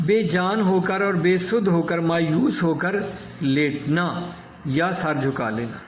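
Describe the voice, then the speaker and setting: A man teaching an Urdu lesson, explaining word meanings and correcting pronunciation by repeating words slowly. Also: high voice, roomy sound, slight background noise.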